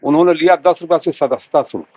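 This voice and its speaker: A middle-aged man, a doctor standing for election, answering interview questions in an earnest, measured way and repeating key words. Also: on the high side, no room sound, dull audio.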